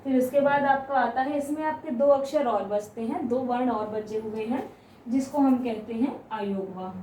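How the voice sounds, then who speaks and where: A woman teaching grammar, explaining step by step, asking questions and answering them herself, and stretching out example sounds slowly. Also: a little high, mellow, a little hiss or hum. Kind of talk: classroom explanation. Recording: echoey room, voice from a distance.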